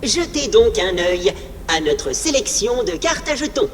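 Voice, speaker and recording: Lilting, over-courteous robot concierge. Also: female voice, mid-range voice, big pitch swings, unhurried, a little hiss or hum. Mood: cheerful, promotional. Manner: over-courteous, theatrical announcer-like salesmanship. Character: cheerful, servile robot concierge companion of a refuge. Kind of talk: scripted game character dialogue. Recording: game music behind, some long reverb.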